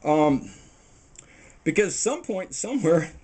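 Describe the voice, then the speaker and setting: A middle-aged home cooking show host rambles through a casual, preachy monologue while kneading dough at his kitchen table. His voice is a bit high for a man, sing-song, mellow and slightly rough, and he speaks slowly. A camera mic on the table a few feet away in his small home kitchen captures him.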